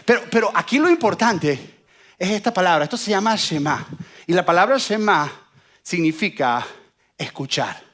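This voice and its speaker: High-voiced man preaching a lively sermon. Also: moderate pace. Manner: animated, joking with the congregation.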